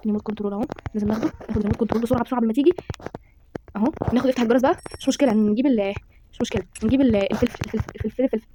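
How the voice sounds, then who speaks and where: A woman with an Egyptian accent gives rapid-fire commentary on a horror game, calling out to her viewers with dramatic exclamations. Her voice sits a little high and races along. A faint hiss sits under the recording. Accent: Egyptian Arabic. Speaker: gaming streamer.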